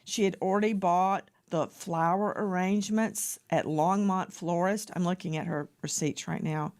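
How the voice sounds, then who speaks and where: Woman interviewer on a true crime show, slightly low voice, short punchy sentences listing details. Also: steady tone, normal speed, a little mellow.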